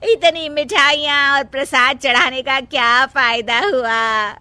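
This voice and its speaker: A woman doing a bossy old granny in a cartoon story, high bright voice, slow lecturing scold, dry close sound. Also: dry recording, heavily acted. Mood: wailing. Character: proud, scornful older village woman, grandmother. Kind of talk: animated story voice acting.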